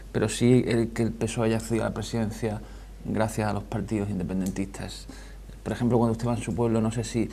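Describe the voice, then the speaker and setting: A man's voice: fairly low pitch, vocal fry, dark tone, slight background noise. A man asking political questions as a journalist on a television interview panel.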